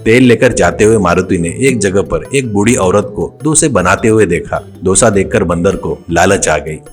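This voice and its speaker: A man's voice: deep voice, moderate pace, faint music behind. A man narrating a cartoon story in a plain storytelling voice.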